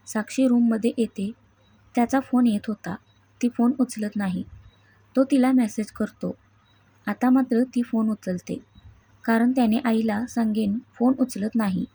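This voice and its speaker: A woman narrating a story in an even, plain reading style. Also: a little high, husky, low-quality recording.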